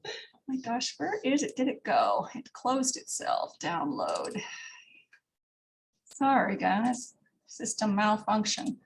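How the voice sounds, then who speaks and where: A woman's voice: medium pitch, huge pitch swings, takes it slowly, gravelly, pauses often. Chatty woman lecturing in a roomy classroom. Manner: casual, chatty, many fillers and asides. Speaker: nursing pharmacology instructor. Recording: roomy classroom audio from far off.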